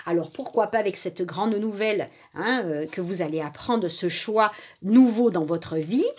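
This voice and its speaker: A woman's voice: medium pitch, moderate pace, a little mellow, breathy edge. A woman reading tarot and oracle cards for her viewers in a casual, chatty way, full of little fillers and the odd stumble over her words. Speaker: tarot and oracle card reader.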